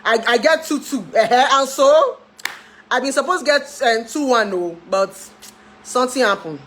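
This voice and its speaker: Her voice sits high with a fairly bright tone, and she talks at a normal speed. She's a thirtysomething relationship therapist with a Nigerian accent, chatting casually to camera about her life, breaking into laughter and pidgin as she addresses followers. Slight background noise mars the rough recording.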